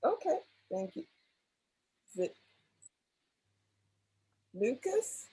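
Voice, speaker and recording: A woman facilitating an online workshop who calls on participants gently and apologizes when she gets names wrong. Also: on the high side, big pitch swings, drawn-out words, husky, no echo, low-quality recording. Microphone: video call microphone.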